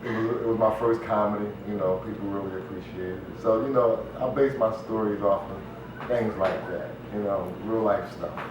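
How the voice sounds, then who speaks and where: A stage play writer and producer chats casually in an interview, wandering through his answers and frequently dropping "you know." He speaks at a normal speed in a lowish, fairly even voice, recorded from afar in a dull, noisy, heavily echoing room.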